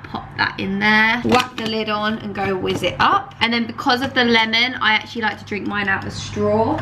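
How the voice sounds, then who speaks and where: A young woman with a slight croak from a cold, chatting upbeat in a casual vlog. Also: mid-range voice, background noise. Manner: chatty and upbeat, fillers like "like" and "you know". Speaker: vlogger.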